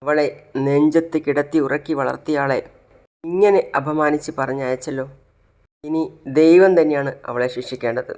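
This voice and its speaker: A man's voice: fairly high pitch, steady tone, measured pace, a little mellow, natural voice. A man voicing a grieving mother who turns bitter and curses the one who wronged her husband. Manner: sorrowful, cursing. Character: bitter mother, sorrowful and scolding.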